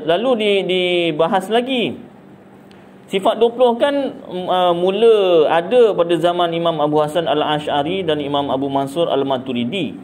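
Malaysian guy, religious teacher, kinda high voice, jokey chatty talk, faint hiss in the room. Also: darkish tone. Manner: chatty, jokey, asks and answers own questions.

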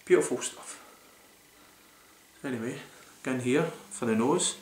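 This casual beer review vlog features a man in his forties talking to camera in a small room, full of fillers and enthusiastic rambling. He speaks at a measured pace in a mid-range, slightly mellow voice. The audio is roomy and echoey, recorded at home, with a little hiss or hum.

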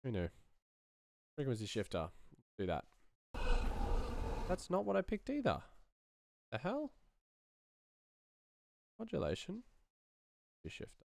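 With a mid-range voice that swings hugely in pitch, this thirty-something man talks slowly with vocal fry and long pauses, sounding a little mellow. A sound designer and streamer, he mutters and thinks aloud in fragments as he casually narrates his computer work in a small room. Slight background noise is audible.

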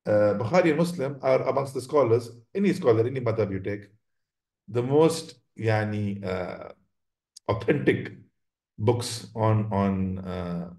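A man with a fairly low, mellow, expressive voice teaches an online Islamic class over slides, explaining things step by step. He keeps checking in with "right?" and "yeah?" and often halts to restart his sentences, and the recording has a roomy echo.

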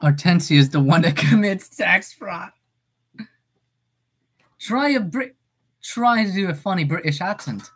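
A woman's voice: fairly low pitch, animated, measured pace, long pauses, slightly rough. A woman voice actor chatting casually on a livestream, playful and jokey with frequent swearing. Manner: playful, jokey and profane, slipping into silly voices. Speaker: voice actor streaming.

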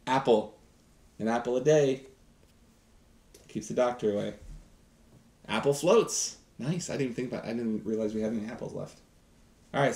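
The man, a science teacher in his thirties, has a medium-pitched, slightly mellow voice. He chats enthusiastically with viewers during a live science demonstration on an indoor home kitchen set, where the room echoes noticeably.

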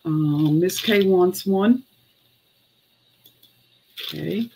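Surrounded by clothes racks indoors, a middle-aged woman sells items in a live online sale, chatting in a relaxed, unhurried way and occasionally murmuring counts to herself. She speaks at a fairly low pitch with drawn-out words and vocal fry, and background noise can be heard.

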